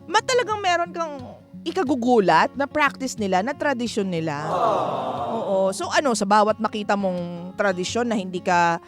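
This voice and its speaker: A woman's voice: medium pitch, lively intonation, normal speed. A woman hosting a radio advice show, chatty, playful and frank, laughing often. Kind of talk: late-night radio advice talk. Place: radio studio. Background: music bed.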